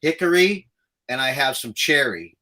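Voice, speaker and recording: A man's voice: mid-range voice, lively intonation, normal speed, bright, forceful tone. A man hosting a casual live stream, chatting and reading out comments from viewers.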